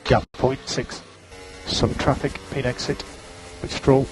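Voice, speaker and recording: A man's voice: medium pitch, flat delivery, slow, over loud music. A man working as race engineer, giving terse, clipped pit radio calls over a team radio link, repeating gaps and status updates. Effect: team radio transmission.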